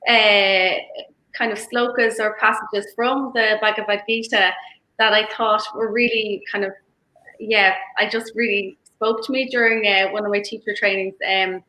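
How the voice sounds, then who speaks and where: Bright-voiced woman yoga teacher, echoey. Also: mid-range voice, steady tone, normal speed. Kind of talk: conversational interview. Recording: echoey room.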